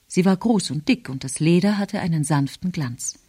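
A woman narrating a novel in calm, even storytelling. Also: on the low side, moderate pace, slightly rough, dry recording, studio quality. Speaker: audiobook narrator. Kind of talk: scripted narration.

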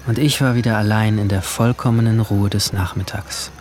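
The narrator and lead of this radio drama is a man playing a brooding, withdrawn boy of 17 recounting his summer. Terse, introspective and awkward when talking with others, he speaks in a lowish, darkish, natural voice with fairly even intonation at a moderate pace, over slight background noise.

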